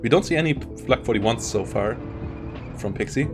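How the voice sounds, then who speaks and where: An esports caster calls a live strategy game tournament with music playing behind him. His medium-pitched voice is animated and moves at a moderate pace, and his talk comes in loose, rambling bursts that keep interrupting and restarting.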